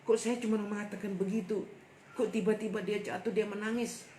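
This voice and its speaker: A man's voice: very high voice, fast talker, a little hiss or hum, pitched above the performer's own voice. A man voicing a worried, hesitant male pastor who is baffled by what happens around him. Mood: bewildered. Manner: hesitant, bewildered. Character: anxious, puzzled male pastor in debt. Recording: echoey room with faint ambience.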